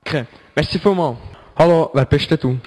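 A man's voice: a little high, brisk, darkish tone. A man interviewing children in a casual way, asking short, repeated questions. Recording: long hall reverb.

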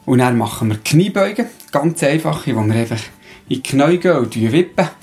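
Creaky-voiced man with a Swiss German accent. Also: mid-range voice, expressive, normal speed, a little mellow. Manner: plain, informal, counting aloud. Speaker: exercise instructor and host. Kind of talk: casual exercise instruction.

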